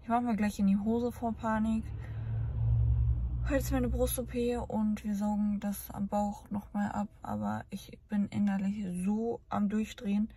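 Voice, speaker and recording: A woman's voice: medium pitch, flat delivery, a little slow, warm tone, slight background noise. A woman vlogging casually to camera, talking in a candid, rambling way, worn out and in pain after surgery. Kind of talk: casual vlog talk to camera.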